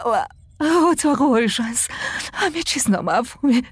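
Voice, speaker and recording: Casting note: trapped, frightened woman in a dubbed thriller, husky and slightly high. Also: expressive, no echo. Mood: scared, pleading. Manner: pleading, panicked, breathless. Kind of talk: dubbed film acting.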